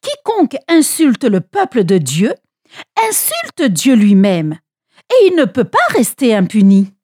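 A woman's voice: on the high side, wildly swooping pitch, dark tone, slightly rough, no room sound, studio quality, full character voice. A woman voicing a bold young shepherd boy who speaks earnestly and with conviction. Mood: determined. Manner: earnest, quick and raised.

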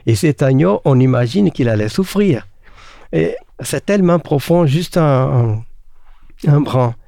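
A man teaching the Bible in a relaxed conversation. He speaks earnestly and asks rhetorical questions, with frequent fillers and restarts. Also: mid-range voice, unhurried, vocal fry, dry recording, studio quality.

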